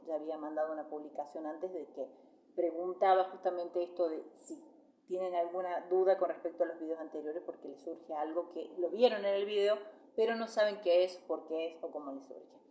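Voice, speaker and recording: A woman's voice: fairly low pitch, fairly quick, warm tone, reverberant, highs cut off. A woman with a Rioplatense Spanish accent teaching singing in a live masterclass, chatty and explanatory, often checking in with "¿sí?".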